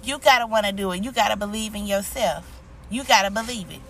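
A woman's voice: mid-range voice, fast, fairly bright tone, slight background noise. An American woman speaking informally as a life coach to her followers, encouraging them with emphatic repetition. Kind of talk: informal motivational talk to online followers.

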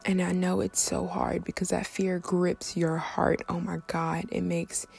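A woman hosts an intimate motivational monologue in a mellow, breathy voice that slips toward a half-whisper. Her delivery is encouraging and deliberate, with plenty of creak at the edges. Music plays behind her. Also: on the low side, flat delivery. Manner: affirming, encouraging, slow and deliberate phrasing. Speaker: host of a motivational series.

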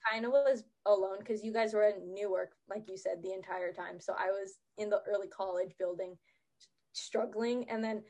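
A teenage girl casually recounting school memories to friends, animated when retelling. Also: medium pitch, moderate pace. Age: teens. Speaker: student in group chat. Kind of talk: casual chat.

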